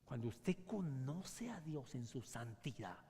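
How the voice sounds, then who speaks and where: A man pastor preaching a sermon, swinging between loud cries and hushed whispers. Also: medium pitch, sing-song, slow. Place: church sanctuary. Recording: long church hall reverb.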